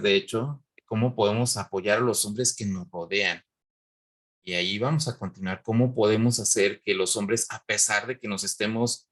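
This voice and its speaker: A man's voice: fairly low pitch, fairly bright tone. A man, a coach and grief counselor, speaking reflectively in a workshop talk.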